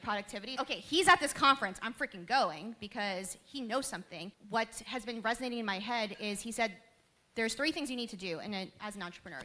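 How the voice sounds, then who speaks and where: A woman, speaking on a panel with lively storytelling and laughter. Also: fairly high pitch. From Queens, New York. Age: 30s. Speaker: panelist, business owner. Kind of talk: panel talk to a live audience.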